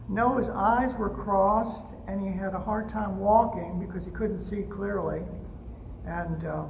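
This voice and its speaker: Older male pastor, higher gravelly voice, gentle pause-filled sermon, roomy church echo. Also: slight background noise. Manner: gentle, unhurried storytelling with frequent "uh" pauses. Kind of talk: storytelling sermon. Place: church sanctuary at a pulpit. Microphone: pulpit microphone. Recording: echoey sanctuary with faint ambience.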